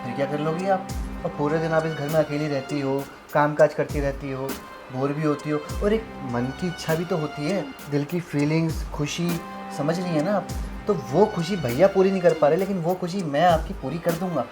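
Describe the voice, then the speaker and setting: A man's voice: a little high, normal speed, music in the background, natural voice. A young man playing a wheedling, pushy brother-in-law. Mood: coaxing. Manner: coaxing, wheedling. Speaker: actor in a short film. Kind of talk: melodramatic web short film acting.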